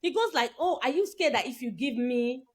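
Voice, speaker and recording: A woman's voice: high-pitched, fairly quick, breathy edge. A woman from Nigeria co-hosting a casual chat, telling stories with lots of quoted dialogue. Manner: animated storytelling with quoted dialogue. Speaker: co-host.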